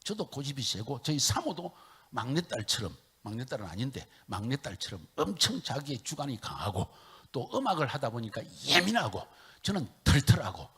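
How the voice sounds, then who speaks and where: A middle-aged man preaching a sermon as a missionary, swinging from hushed whispers to loud calls, having the congregation repeat lines, and acting out his own tearful prayers. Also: medium pitch, very animated, normal speed, husky.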